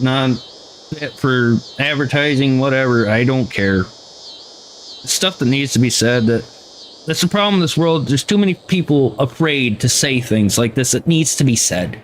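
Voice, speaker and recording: A man's voice: medium pitch, normal speed, a little hiss or hum. A man streaming a game, ranting heatedly in casual chat and swearing freely. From United States.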